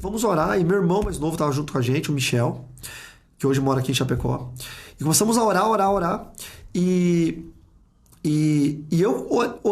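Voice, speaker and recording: A Brazilian pastor, a man, recounts a dramatic testimony in a fairly high voice. He talks in a lively, vivid way, restarting phrases and repeating words as he goes. His Brazilian Portuguese accent comes through clearly. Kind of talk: testimony storytelling.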